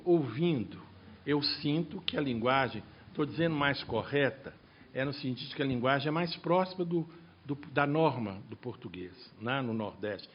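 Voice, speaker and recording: A man's voice: medium pitch, breathy edge, lo-fi sound. A man, a literature professor, talking through a topic on a panel and thinking aloud, with many asides. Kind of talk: panel discussion.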